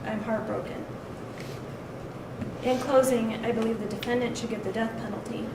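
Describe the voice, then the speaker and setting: A woman victim advocate reading a victim impact statement aloud in a steady, measured way, captured in a courtroom recording. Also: a little high. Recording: echoey courtroom, distant mic, noise.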